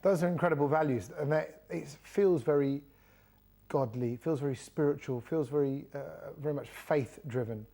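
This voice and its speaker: Mellow-voiced male TV interviewer. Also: fairly high pitch, moderate pace, creaky. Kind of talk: TV interview questions.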